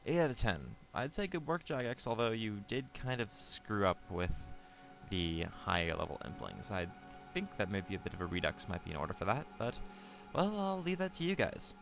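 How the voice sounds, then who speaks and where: A man's voice: on the low side, very animated, moderate pace, creaky, a bit bright, soft background music. A man giving a casual, rambling game review over gameplay, with lots of fillers and restarts.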